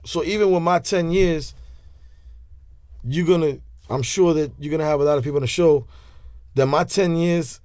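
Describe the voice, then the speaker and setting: Sitting in a small studio with a leather couch, a New York-accented guest in his forties shares stories in a relaxed interview, heavy on street slang, animated hand gestures and frequent restarts. His voice is a little high, at normal speed with frequent pauses. A studio mic on a stand captures studio-quality sound with no echo.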